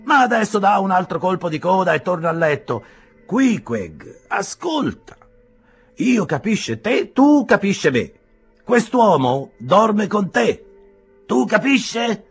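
A man's voice: high voice, big pitch swings, slow pace, creaky, slightly rough, faint music behind, voice pushed up, exaggerated voice. A man voicing a grinning, easygoing innkeeper who talks in a raised, teasing, reassuring way. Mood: jovial.

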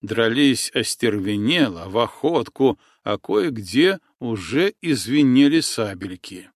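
Man, audiobook narrator, expressive, lively intonation, slow pace, dry close recording. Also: medium pitch, dry recording. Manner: expressive storytelling. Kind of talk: audiobook reading.

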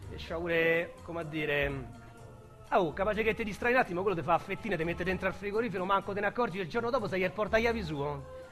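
In a radio drama, an actor with a Roman accent plays a crude, talkative male ex-convict recalling prison, telling vulgar, slangy, rambling stories. His voice is high and a bit bright, he talks fast, and soft music plays in the background.

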